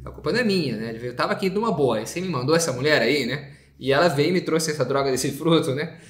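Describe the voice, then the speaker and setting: Adam, as a priest puts him on, dodging the blame. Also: male voice, fairly high pitch, expressive, fast, lightly acted. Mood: defensive. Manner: casual, whiny excuse-making. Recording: echoey room.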